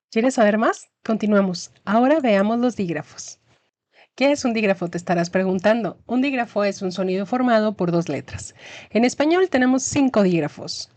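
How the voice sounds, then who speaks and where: Her voice is medium-pitched and darkish, captured without any room sound. She's a Spanish teacher reading a scripted lesson, slowly and precisely articulating each example word.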